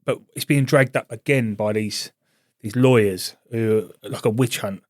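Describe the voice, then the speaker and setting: A man's voice: lowish voice, normal speed, dry recording, clean studio sound. A British Army veteran man co-hosting a podcast, telling blunt army stories in casual chat. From Britain. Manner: blunt storytelling army banter. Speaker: podcast co-host.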